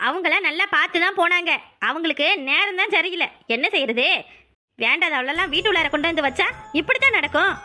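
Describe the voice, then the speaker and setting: A woman voicing a scheming, sharp-tongued young woman in a cartoon, taunting and ordering the others around. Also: extremely high pitch, fast talker, soft background music, full character voice. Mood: mock sympathy. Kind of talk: cartoon voice acting.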